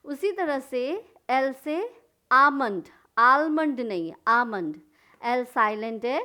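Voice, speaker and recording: A woman's voice: high-pitched, lively intonation, slow, bright, forceful tone, smooth. A woman teaching a lesson, spelling words letter by letter and answering her own questions. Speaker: English teacher. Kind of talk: slow explanatory lesson.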